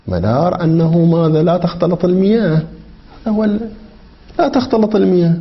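A man teaching a seminary lesson on a legal text. He poses leading questions, answers them himself, and reads quoted passages slowly and deliberately. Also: on the high side. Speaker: religious jurisprudence teacher. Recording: dull lo-fi lecture recording.

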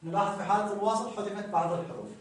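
A man teaching grammar, repeating examples slowly and telling listeners to notice each form. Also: sits high, steady tone. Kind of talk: explaining grammar rules with examples. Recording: very echoey room, distant mic.

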